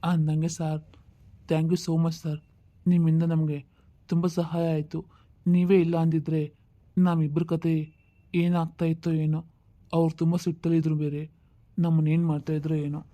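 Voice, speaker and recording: A woman's voice: low voice, little pitch movement, normal speed, pauses often, mellow, natural voice. A woman playing a young husband who consoles his wife and politely thanks an officer in a skit. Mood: earnest, polite. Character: young husband Arun, soothing and earnest. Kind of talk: comedy skit acting.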